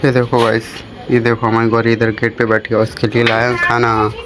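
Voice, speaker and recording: A man's voice: medium pitch, monotone, a little fast. A man doing a casual, chatty vlog from a rooftop, talking to his viewers as he shows them around. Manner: chatty, talks to viewers as "guys" while showing around. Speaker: vlogger. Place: outdoors on a rooftop. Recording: outdoor noise with passing traffic.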